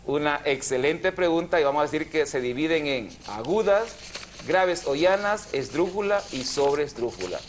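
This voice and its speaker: A male television host teaches spelling and accent rules to viewers in a measured, explanatory way. His voice sits a little high for a man, and he slows down to spell words out syllable by syllable. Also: expressive, slight background noise. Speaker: TV language program host. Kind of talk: didactic TV chat.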